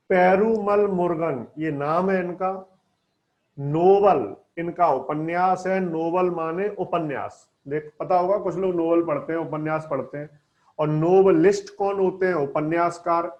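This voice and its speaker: A man teaching English vocabulary from a newspaper, explaining each word and quizzing his students with questions. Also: a little high. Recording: dull lo-fi sound.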